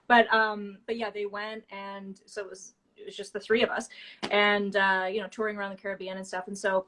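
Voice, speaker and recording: A woman from Toronto, a guest in a relaxed interview, with a mid-range voice. She tells a long story in a loose, rambling way, full of fillers, restarts and quick laughs. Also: mid-range voice. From Toronto, Canada.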